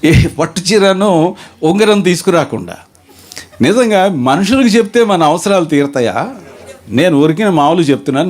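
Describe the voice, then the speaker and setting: A man preaching a sermon in a storytelling way, reading scripture slowly and emphatically. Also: fairly high pitch, darkish tone.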